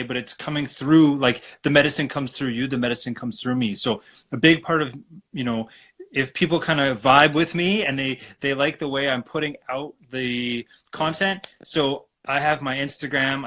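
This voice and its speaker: A man from Alberta, Canada, talking as a guest acupuncturist in a relaxed, rambling way over a video call. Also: medium pitch, moderate pace. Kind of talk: casual live-stream interview.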